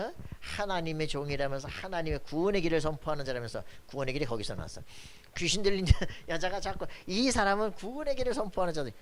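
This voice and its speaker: A man preaching a sermon as pastor, emphatic and colloquial, often asking his congregation for agreement. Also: a little high. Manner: emphatic preaching with frequent "그죠?" tag questions; colloquial, blunt asides.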